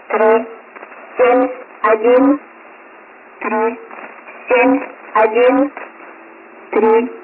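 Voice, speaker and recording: Slow tinny numbers station monotone, woman. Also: sits high. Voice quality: flat, mechanical, evenly spaced delivery. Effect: numbers station monotone readout. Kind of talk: repetitive number callout broadcast. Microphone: received over shortwave radio. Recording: tinny shortwave radio with static.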